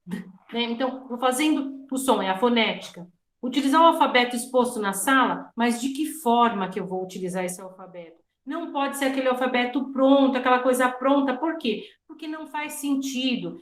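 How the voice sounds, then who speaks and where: A Brazilian woman with a Brazilian Portuguese accent leads a teacher training session, explaining in a loose way that repeats words and circles back. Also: high voice. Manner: explanatory, repeats herself often. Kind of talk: informal teacher training talk. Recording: echoey room.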